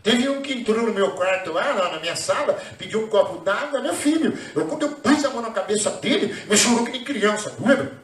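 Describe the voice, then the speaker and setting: A man's voice: sits high, animated, fairly quick, few pauses, fairly bright tone. A man with a Brazilian Portuguese accent preaching a sermon in a church hall, emphatic, with frequent hallelujahs. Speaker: pastor. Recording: roomy echo, voice from far off.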